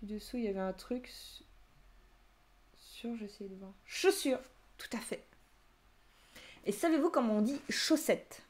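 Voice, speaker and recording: In a slightly high voice, a young woman leads a Japanese vocabulary live stream, speaking unhurriedly with frequent pauses. She reads chat answers aloud and reacts to them in a lively way, laughing a lot.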